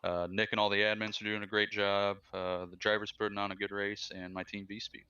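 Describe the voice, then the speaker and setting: Racing driver guy, low smooth bright voice, kinda muffled chat audio. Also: flat delivery, a little fast. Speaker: race driver interviewed. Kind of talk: post-race interview.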